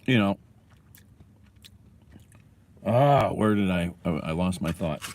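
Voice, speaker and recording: Slow-talking, profane man. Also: low voice, animated, a little mellow. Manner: profane, angry, rambling. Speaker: livestream host. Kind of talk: casual livestream commentary. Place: car.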